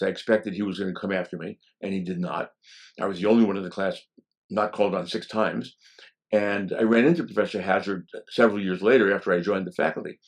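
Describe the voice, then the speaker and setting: A man in his seventies, a law professor, telling stories from his past in a relaxed way, with many "um" fillers. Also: on the low side. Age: 70s. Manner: relaxed and anecdotal, with frequent "um" fillers. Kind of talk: reminiscing interview storytelling.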